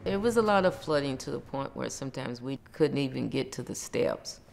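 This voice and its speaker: A woman's voice: extremely low pitch, lively intonation, fairly quick, gravelly, noisy background. An older woman, a former church pianist, reminiscing in a documentary interview. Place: home room with piano. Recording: music bed under voice.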